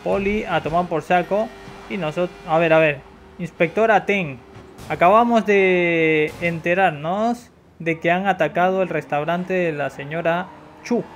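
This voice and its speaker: A young man with a Spain Spanish accent giving excitable, casual gameplay commentary with loud exclamations and frequent swearing, sounding slightly congested. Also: a little high, a little hiss or hum. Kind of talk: casual let's-play commentary.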